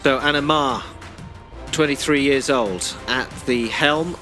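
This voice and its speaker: A man commentating live on a sailing race, steady and informative, with frequent "uh" fillers. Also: mid-range voice, a little slow, soft background music.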